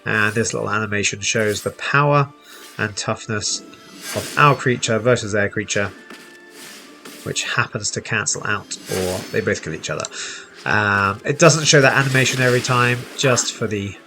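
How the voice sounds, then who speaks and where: A man with a low, sharp voice and some vocal fry hosts a casual game tutorial at normal speed, explaining each step as he plays. Soft music plays in the background.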